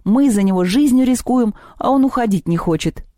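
A woman's voice: sits low, fairly even intonation, a little fast, dark tone, no room sound, studio quality. A woman voicing a lazy, sarcastic schoolboy in a storybook reading. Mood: indignant. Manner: lazy, indignant.

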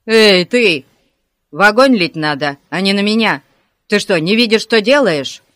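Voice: medium pitch, a little slow, dry recording, pitched below the performer's own voice, close to an everyday voice. Boy Larry, audiobook narrator's take; dry close read. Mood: indignant shouting. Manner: sighing then shouting at boy. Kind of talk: audiobook character voice.

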